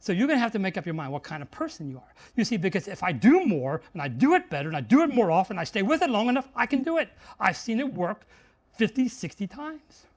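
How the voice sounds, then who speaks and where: A middle-aged man giving a motivational talk, telling a story with lots of energy and raising his voice sharply when he acts out shouted lines. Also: high voice, big pitch swings, quick pace. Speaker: host, marketing speaker.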